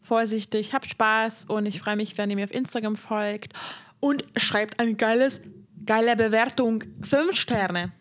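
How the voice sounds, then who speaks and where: A woman hosting a casual podcast, chatty and relaxed, giving advice and laughing often. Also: a little high, unhurried. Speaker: podcast host.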